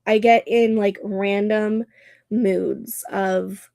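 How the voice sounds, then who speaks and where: A woman in her thirties chats through a casual livestream, reading comments aloud between frequent laughs, her voice nasal and congested. Mid-range and mellow with vocal fry, she draws out her words with fairly even intonation, in studio-quality sound with no echo.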